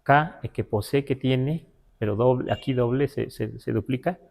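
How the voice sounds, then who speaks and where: A man with a Mexican Spanish accent teaching a language class, halting with many fillers and spelling words out syllable by syllable. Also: medium pitch, vocal fry, a little mellow. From Huasteca, Mexico. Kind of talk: live class explanation.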